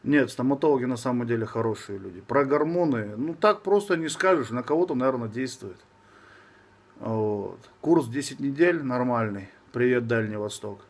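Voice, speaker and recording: A man in his thirties, a fitness coach, fields viewer questions on a live stream in a casual, blunt way. His voice sits in the mid range and sounds animated at a normal pace, with a slushy, lisping s caused by braces. He's recorded on a phone held at arm's length.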